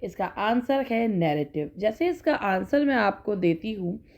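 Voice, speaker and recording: Slow, careful Indian woman teacher. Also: medium pitch, animated, creaky, a little mellow. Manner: slow and deliberate, reading questions aloud then explaining with frequent fillers. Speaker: English literature teacher. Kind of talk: exam-prep lecture.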